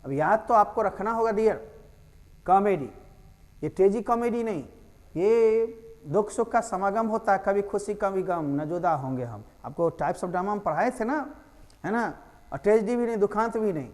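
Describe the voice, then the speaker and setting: A man's voice: high voice, expressive, normal speed, long reverb tail. A man with an Indian accent explaining English grammar for an exam, asking and answering his own questions. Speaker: teacher.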